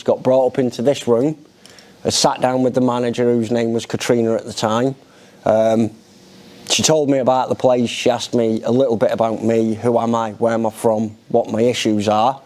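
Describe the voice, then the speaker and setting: Sitting in an armchair in an indoor lounge, a middle-aged British man who lives with a charity is interviewed and talks conversationally about his own experience. His voice is medium in pitch with a dark tone.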